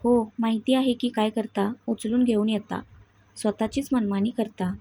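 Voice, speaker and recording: A woman voicing a tearful, sulking young wife in a read-aloud story, in a soft, husky voice. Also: on the high side, fairly even intonation, normal speed. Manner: soft, plaintive read dialogue.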